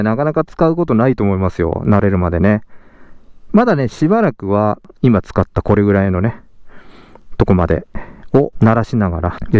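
An excitable motovlog host with a lively voice rides a motorcycle outdoors, giving casual commentary. He laughs and alternates between loud exclamations and low muttering. The audio is dull with no echo, and road and engine noise blend with background music.

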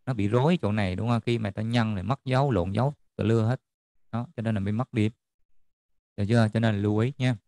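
A man's voice: lowish voice, fast talker, darkish tone, dry recording. A man tutoring a math class online, checking in often with students as he explains. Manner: checks in often with students, repeating "được chưa?".

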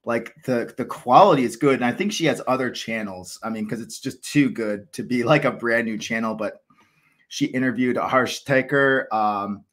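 A man in his thirties from the United States runs a casual cricket livestream from a small room in his home, talking at normal speed in a medium-pitched, slightly bright voice. His enthusiastic rambling is full of fillers and restarts.

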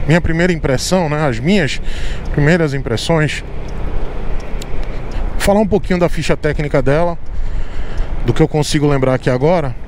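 A Brazilian man with a Brazilian Portuguese accent chats to his viewers while riding, his voice sitting a little high for a man. The sound comes through a helmet mic, with wind and city traffic clearly audible behind him. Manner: chatty, addresses viewers, frequent fillers. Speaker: motovlogger. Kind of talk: casual motovlog commentary while riding. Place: on a scooter in city traffic outdoors.

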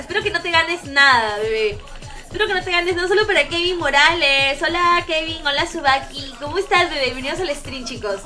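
A young woman streaming a game live, chatting with viewers, shrieking and swearing as she plays. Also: high voice. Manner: excitable, shrieks and swears while playing.

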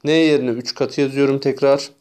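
A man talks through textbook math problems in a steady, methodical way, repeating each step for his viewers. His voice sits at an ordinary middle pitch. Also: a little fast, clean tone. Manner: methodical, repeats key steps, addresses viewers as friends. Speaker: math teacher.

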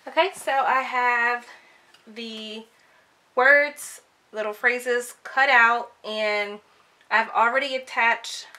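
A woman's voice: a little high, sharp tone. A woman in her thirties giving casual, step-by-step craft tutorial narration.

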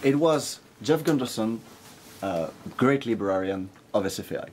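A man's voice: fairly low pitch, animated, normal speed, a little hiss or hum. A man hosting a casual guided tour of an art school, leading the way and chatting. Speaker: host. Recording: loud music bed behind voice.

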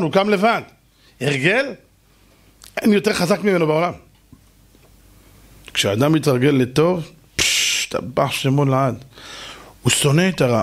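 An Israeli man gives an animated sermon in a fairly high voice. He peppers his listeners with rhetorical questions and teasing jabs. Now and then he breaks into a shout. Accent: Israeli Hebrew. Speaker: rabbi giving a lecture. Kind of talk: lively sermon to an audience.

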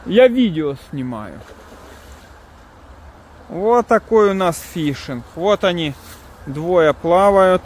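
Man slowly narrating his catch outdoors. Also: high voice, lively intonation, slight background noise. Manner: slow, offhand running commentary on his catch. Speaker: fishing vlogger. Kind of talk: casual fishing vlog commentary. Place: outdoors by a river and pond. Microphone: phone camera in hand.

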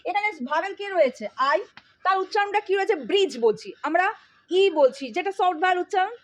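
A woman's voice: very high-pitched, expressive, fast. A woman teaching an English spelling lesson in Bengali, explaining patiently step by step and often checking that her students follow.

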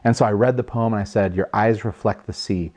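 A man in his thirties telling a funny personal story in a jokey, animated way, acting out voices. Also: fairly low pitch, brisk. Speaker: host. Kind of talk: casual storytelling.

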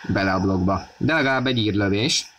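A man giving football match commentary on a video game, excited and raising his voice at key moments. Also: on the low side, a little hiss or hum. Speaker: sports commentator.

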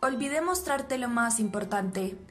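A woman reading the lines of a cold, threatening male police officer in a flat voice. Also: on the high side, measured pace, soft background music.

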